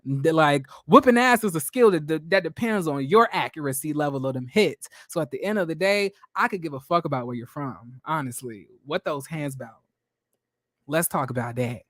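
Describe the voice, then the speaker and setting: A man's voice: a little high, normal speed, a bit bright, dry recording, studio quality. A man hosting a livestream recap of a reality show, reading viewer comments and answering in a blunt, sassy, profane way with many rhetorical questions.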